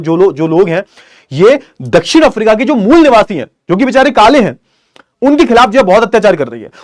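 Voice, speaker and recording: Male online tutor, high pitch, dead-dry mic, question-and-answer lecturing with lots of repetition. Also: no room sound. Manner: explains by asking and answering his own questions; repeats key phrases, calls students beta. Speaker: teacher.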